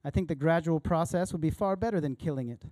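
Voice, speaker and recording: A man's voice: fairly high pitch, fast talker, dry recording, clean studio sound, natural voice. A man reading aloud as a timid, fussy male ghost who keeps making apologetic excuses. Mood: pleading. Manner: apologetic, hesitant, soft-spoken. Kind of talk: reading a story aloud in a sermon.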